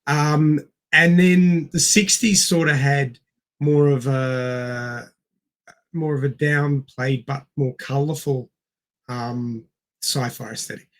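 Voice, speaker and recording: A middle-aged podcast co-host talks casually about film, explaining things and repeating words for emphasis. His voice is medium in pitch with fairly even intonation. He speaks at a slow pace.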